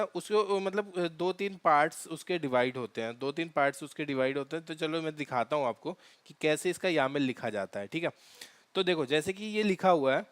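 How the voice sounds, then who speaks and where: This DevOps tutorial instructor, a man, leads viewers through a cloud lesson via screen share, often stalling on fillers and restarting what he says. He has a smooth, resonant voice pitched fairly high. It's recorded up close and dry, free of any echo.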